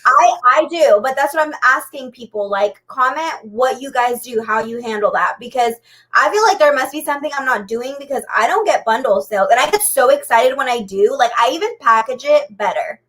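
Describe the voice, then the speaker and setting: A woman's voice: high voice, fairly quick, fairly bright tone. A woman co-hosting a casual podcast chat, talking in a chatty way full of "like" fillers. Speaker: podcast co-host.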